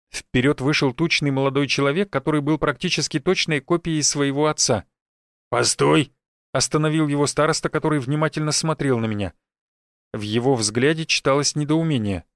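A man reading a first-person novel aloud in a steady, even storytelling manner. His voice sits somewhat high for a man and is recorded dry and close, with no room sound. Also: no echo. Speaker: audiobook narrator. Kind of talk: scripted first-person narration.

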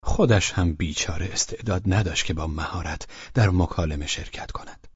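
Husky guy reading an audiobook, steady and even, dull dry lo-fi sound. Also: low voice, no echo. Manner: measured, even storytelling. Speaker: audiobook narrator. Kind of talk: scripted audiobook narration.

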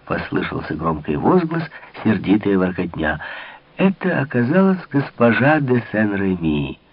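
A man narrating a classic novel in an expressive literary reading. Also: on the low side, measured pace, creaky, breathy edge, dry recording. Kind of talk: audiobook reading on radio. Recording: narrow phone-like old radio sound.

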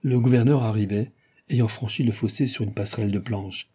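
A man reading a novel aloud as scripted narration, lively and raising his voice for shouted lines. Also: on the low side, fairly quick, breathy edge. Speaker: audiobook reader.

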